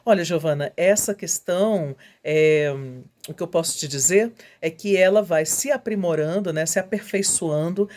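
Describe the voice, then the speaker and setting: A middle-aged woman teaching about voice careers, speaking in a measured way with frequent tag questions. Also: fairly low pitch, a little mellow. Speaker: voice professional answering students. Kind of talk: informal spoken lesson.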